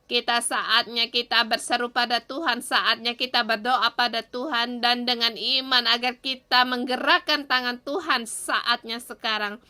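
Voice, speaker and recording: A woman's voice: fairly high pitch, sharp tone, clean tone. A woman giving a morning devotion and leading an earnest, pleading prayer in short phrases. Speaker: devotion speaker.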